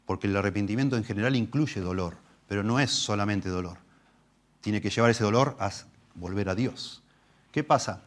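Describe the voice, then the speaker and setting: A pastor with a fairly low male voice and a Rioplatense Spanish accent preaches an expository sermon in a church. His delivery is emphatic, rising to loud stressed words and dropping to low asides. He slows right down whenever he reads scripture. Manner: reads scripture slowly and deliberately.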